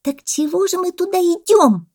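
Super high squealy monkey girl, pushy and nosy, jumps all over in pitch. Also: sing-song, normal speed, warm tone. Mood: excited. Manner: squealing, demanding questions. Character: excitable, nosy young female monkey.

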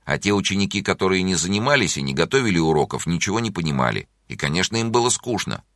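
Man telling a kids story, bright sharp tone, dry close mic, expressive. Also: low voice, fast, no echo. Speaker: narrator. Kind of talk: audiobook narration of a children's story.

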